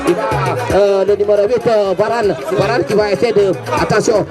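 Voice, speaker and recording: A man with a Senegalese accent and a very high-pitched voice calls a live football match. He is excitable, doubles his phrases and stumbles searching for words, with loud music playing under him. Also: brisk, over a noisy crowd. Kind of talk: live amateur match commentary.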